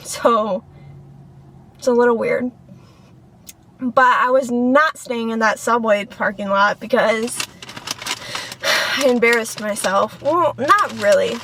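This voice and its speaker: A woman's voice: a little high, slow, pauses often, noisy background. A young woman chatting casually in a food vlog, rambling and poking fun at herself while filming in her parked car. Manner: chatty, rambling, self-deprecating. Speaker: food vlogger. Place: inside a parked car in a store parking lot. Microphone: camera on a tripod in the car window.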